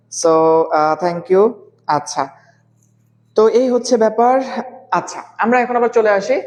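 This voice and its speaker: This male teacher runs a live online biology lesson at a slow, deliberate pace, going over key terms again and testing his students with questions. He has a high-pitched voice and a somewhat dark tone.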